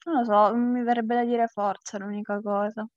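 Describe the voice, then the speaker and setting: A woman with a southern Italian, Calabrian accent chats as a guest in a conversational interview. Her talk is halting and circles back on itself. The sound is close and dry. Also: a little high, level tone, a little mellow, no echo, muffled recording. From Calabria, southern Italy. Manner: halting, repeats phrases and loses her thread. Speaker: interview guest, patient advocate with an awareness page.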